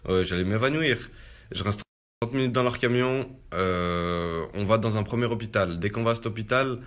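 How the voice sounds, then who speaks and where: A man's voice: fairly low pitch, moderate pace, a bit bright. A young man casually recounting a personal ordeal in street slang, filling his speech with "en gros". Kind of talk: casual spoken testimony.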